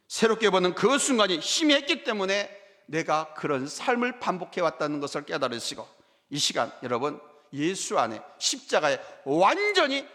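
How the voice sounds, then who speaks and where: A man pastor preaching a sermon, telling stories and acting out both sides of a dialogue, swinging from loud emphasis down to near-whispers. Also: fairly high pitch. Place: church sanctuary. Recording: hall reverb from a church sanctuary.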